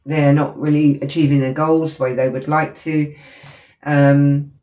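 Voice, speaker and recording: A woman's voice: low voice, level tone, a little slow, mellow. A woman with a cold, sniffling as she gives a chatty, apologetic tarot reading to camera with lots of fillers. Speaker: tarot reader. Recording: dull lo-fi recording with faint noise.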